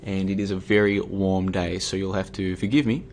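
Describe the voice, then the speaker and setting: A man's voice: low voice, little pitch movement, normal speed, a little mellow, a little hiss or hum. An Australian man talking casually on his livestream, argumentative and tired, with many fillers and restarts. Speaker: livestream host. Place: home room.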